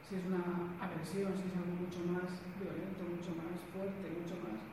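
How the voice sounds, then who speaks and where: A woman's voice: lowish voice, flat delivery, moderate pace. A woman in the audience earnestly asking a question, building it up with repeated phrases. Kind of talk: question from the floor. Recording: distant voice in an echoey hall with noise.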